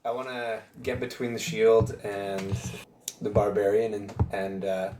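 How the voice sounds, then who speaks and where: Halting low-voiced male player. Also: little pitch movement, background noise. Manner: hesitant, halting. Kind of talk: casual tabletop play.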